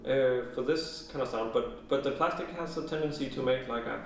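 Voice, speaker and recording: A man's voice: medium pitch, creaky, slight background noise. Hesitant man from Denmark, echoey room. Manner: hesitant, halting, many pauses and fillers. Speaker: composer. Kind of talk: casual explanatory interview. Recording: echoey room, mic far off.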